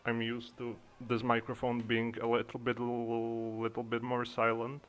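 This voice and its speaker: A young Czech man with a Czech accent streams live, chatting hesitantly and thinking out loud with plenty of fillers while he adjusts his desk microphone in the streaming software. His mid-range voice is slightly bright, delivered completely flat at a measured pace.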